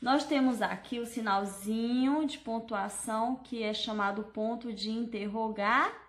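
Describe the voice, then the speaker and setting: A woman, a primary school teacher giving a lesson to young children in a slow, sing-song voice, exaggerating her intonation when she reads examples aloud. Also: fairly high pitch.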